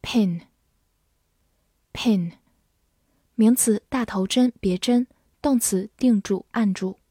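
A woman's voice: medium pitch, dark tone, no echo, studio quality. A young woman teacher leading a vocabulary lesson, saying each English word twice before explaining it. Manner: reads words twice, slow and clear, then glosses.

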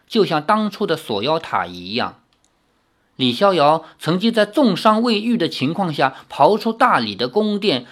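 A storyteller reading a novel aloud, expressive, dropping low and soft on the sad passages. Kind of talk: read-aloud novel narration.

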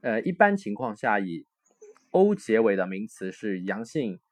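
Explaining a recorded language lesson step by step, a man with a lowish, sing-song, slightly mellow voice hesitates frequently and repeats words slowly to spell out forms. There is no room sound.

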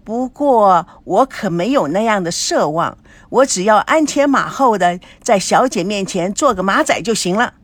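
A woman's voice: medium pitch, expressive, moderate pace, no room sound, natural voice. Glib teasing young guy read by a woman, slick and playful, storybook. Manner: smooth-talking, playful.

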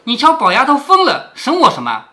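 A man reading the lines of a quick-witted young noblewoman who laughs off an accusation and then pleads with her friend. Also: extremely high pitch, wildly swooping pitch, bright, forceful tone, voice pushed up, heavily acted. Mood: laughing.

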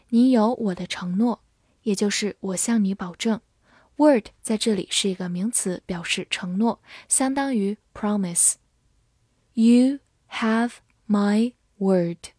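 A woman giving a scripted English vocabulary lesson, explaining words clearly and reading example sentences slowly. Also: medium pitch, a little mellow, no echo, clean studio sound. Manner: clear, measured, slows down for model sentences. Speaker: English teacher.

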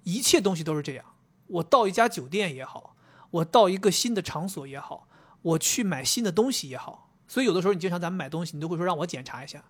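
A man's voice: sits high, fast talker. A man co-hosting a casual chat podcast, telling stories with animation and acting out both sides of a conversation. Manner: animated storyteller, acts out dialogue. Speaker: podcast co-host.

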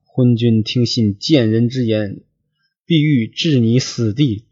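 Grieving court lady from a storybook, read by a man, pleading and drawn-out, muffled lo-fi sound. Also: mid-range voice, darkish tone, breathy edge, no room sound, voice pushed up. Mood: anguished. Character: grieving imperial consort, high-ranking woman.

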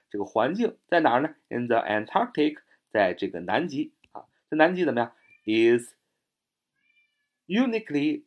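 Male vocab teacher, animated pitch, spells words out and drills pronunciation. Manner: spells words letter by letter and repeats them slowly; ends phrases with drawn-out "啊" fillers. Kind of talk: exam vocabulary lesson.

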